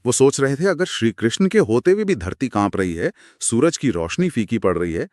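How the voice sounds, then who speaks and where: A man co-hosting a conversational retelling of scripture, narrating with expressive, dramatic pauses. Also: medium pitch, dry recording, clean studio sound. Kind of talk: conversational storytelling discussion.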